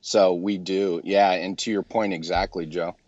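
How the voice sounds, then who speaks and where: A man who runs a clinic, talking casually and emphatically in a group discussion, often clearing his throat. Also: deep voice, fairly even intonation, a little slow, a little mellow, no room sound, highs cut off. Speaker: clinic owner.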